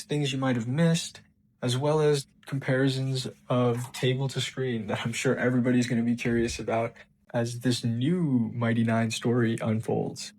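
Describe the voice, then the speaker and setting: A man hosting his own channel, giving an excited, gushing breakdown of a new show's first episode with frequent ums and restarts. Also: mid-range voice, low-quality recording. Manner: enthusiastic, gushing fan. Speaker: show reviewer and channel host.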